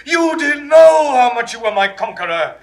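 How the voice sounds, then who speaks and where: An actor playing Mark Antony, a proud, defeated Roman general, declaiming verse that swings between hushed whispers and anguished cries in a 1960s studio Shakespeare recording. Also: male voice, very high voice, big pitch swings, normal speed, heavily acted. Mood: reproachful.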